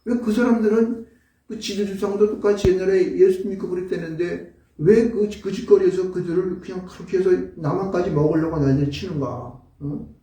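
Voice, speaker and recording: High-voiced pastor preaching in an echoing church. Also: male voice, fairly even intonation, a little fast, dark tone. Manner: conversational preaching with frequent rhetorical "eh?" asides. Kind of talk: sermon. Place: small church sanctuary. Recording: very echoey room, voice far from the mic.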